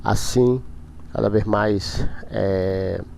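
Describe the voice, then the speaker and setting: A man hosting his own religious channel, delivering a preachy monologue to his viewers in a halting way, repeating words and breaking into emphatic bursts. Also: on the low side, steady tone, gravelly, darkish tone, a little hiss or hum.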